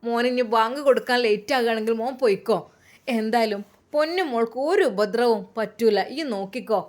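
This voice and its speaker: A woman doing a warm older village mother with a lilt, set a little high. She soothes and reassures firmly in a storybook reading, though the voice stays close to the reader's own. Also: lightly acted. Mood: reassuring. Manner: soothing, firm, motherly endearments.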